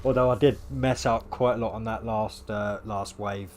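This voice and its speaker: Hoarse man chatting on stream. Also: lowish voice, fairly even intonation, moderate pace, slight background noise. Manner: rambling, many fillers, laughs at himself. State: losing his voice, coughing. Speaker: game streamer. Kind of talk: casual live-stream chat with viewers.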